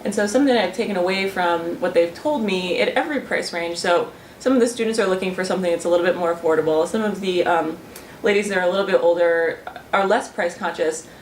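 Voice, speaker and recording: Her lowish voice moving at a quick pace, a young woman explains her research as a student researcher in an interview, with frequent fillers and restarts as she thinks it through. The recording is roomy and a bit far off, with faint ambience and slight background noise.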